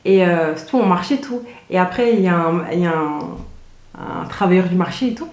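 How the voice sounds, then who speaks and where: A woman's voice: lowish voice, brisk, darkish tone. Chatty woman in an echoey room. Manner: chatty, loose, slangy, many fillers and restarts. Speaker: vlogger. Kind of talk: casual chat to camera.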